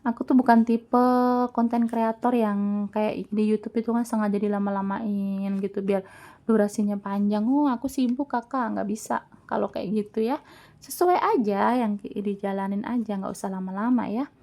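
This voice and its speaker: Chatty woman reading tarot, mellow voice. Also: medium pitch, fairly even intonation, moderate pace. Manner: chatty, teasing, laughs often. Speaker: tarot reader. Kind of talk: casual tarot reading to viewers.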